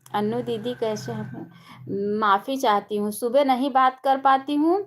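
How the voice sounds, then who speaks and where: A high-voiced young woman chatting on a live stream while doing her household chores. She greets each viewer by name in a friendly, running patter and talks casually throughout. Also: fairly even intonation, unhurried, slight background noise.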